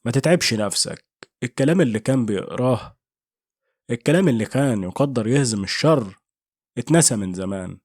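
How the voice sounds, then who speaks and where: A man doing a calm, smiling demon with an Egyptian accent. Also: mid-range voice, a little fast, slightly rough, no room sound, clean studio sound. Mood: mocking. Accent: Egyptian Arabic. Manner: soft, smiling menace.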